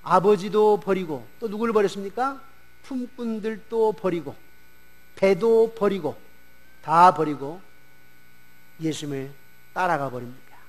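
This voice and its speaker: A male pastor giving a Sunday sermon in a church, preaching in an animated way and acting out the voices of disciples and regional speakers. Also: high-pitched, a little slow, pauses often. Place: church sanctuary.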